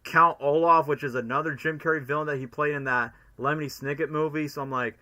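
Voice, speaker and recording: Very bright, higher-voiced man streaming commentary. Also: fairly even intonation, fast talker. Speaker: streamer, cosplayer. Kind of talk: casual reaction commentary.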